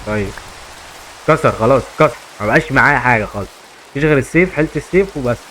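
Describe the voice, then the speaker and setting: This is a young man with an Egyptian accent giving casual commentary on his own gameplay. He talks fast and chatty, often repeating phrases to his viewers. Rain and clicking sounds come through clearly in the recording. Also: medium pitch, expressive, a bit bright, a little hiss or hum. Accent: Egyptian Arabic. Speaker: gaming YouTuber.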